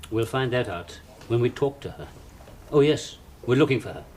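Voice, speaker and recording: A middle-aged actor playing a patient, probing police detective who questions a suspect in a 1970s television police drama. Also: male voice, mid-range voice, moderate pace, husky. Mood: firm. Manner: calm, probing, coaxing then pressing.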